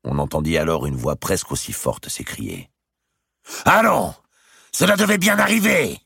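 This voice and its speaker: A man narrating a historical novel as an audiobook, in an expressive, dramatic storytelling manner. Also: extremely low pitch, creaky, breathy edge, dry recording, clean studio sound. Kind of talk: literary narration.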